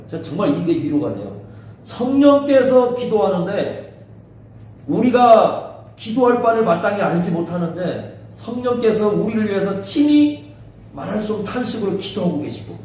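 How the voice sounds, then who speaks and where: A man leads a Bible study as pastor, his somewhat high voice rising and falling with lively swings. He asks his listeners questions and acts out quotes in a raised voice. He sounds far from the mic in a very echoey hall, with faint hiss behind him.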